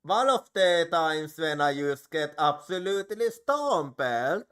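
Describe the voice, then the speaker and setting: A man's voice: on the high side, very animated, slow pace, a bit bright, clear, resonant tone. A man streaming a game, thinking aloud and musing to himself as he plays. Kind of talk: casual gameplay commentary. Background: game music.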